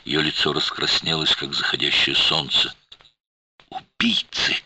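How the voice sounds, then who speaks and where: Bright expressive male audiobook narrator. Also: very deep voice, normal speed, husky. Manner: expressive, dramatic reading.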